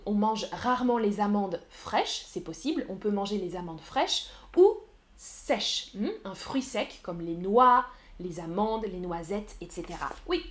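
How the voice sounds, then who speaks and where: A woman teaching French on a live stream, speaking slowly and clearly, repeating words and answering viewers in the chat. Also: medium pitch. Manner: slow, clear teacherly delivery with repetitions. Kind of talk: live-stream language lesson.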